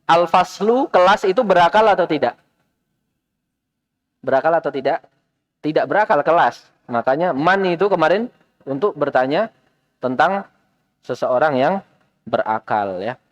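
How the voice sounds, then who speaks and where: A man's voice: a little high, expressive, normal speed, long pauses, muffled recording. A man with an Indonesian accent, teaching an Arabic class in a mosque and patiently questioning his students.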